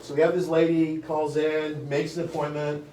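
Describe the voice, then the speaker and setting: A man from the United States coaches real estate sales at a live seminar in a meeting room, joking with the audience and often asking "okay?". His fairly high, dark-toned voice stays level at a moderate pace. The recording comes from afar, with echo and a faint hiss.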